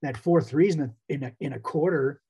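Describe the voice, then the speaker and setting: A man with a husky, slightly breathy voice, pitched a little high for a man, chats loosely about basketball. His tone is dark and mellow, and his sentences wander through restarts and fillers. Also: fairly quick. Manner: rambling, many restarts and fillers. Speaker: basketball podcast co-host. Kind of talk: casual sports chat.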